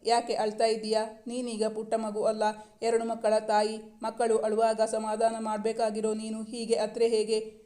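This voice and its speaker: A woman voicing a young husband on the phone, gently scolding his crying wife, in a flat, mellow voice. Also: a little high, normal speed, natural voice. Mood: reassuring.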